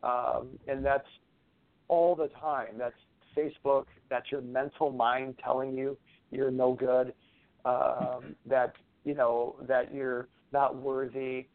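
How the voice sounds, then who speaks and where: A man's voice: mid-range voice, level tone, slow pace, creaky. A man guest on a talk show, speaking in a casual, rambling way and often repeating words as he explains his advice. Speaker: guest, natural medicine practitioner. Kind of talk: conversational interview talk. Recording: tinny phone-like line.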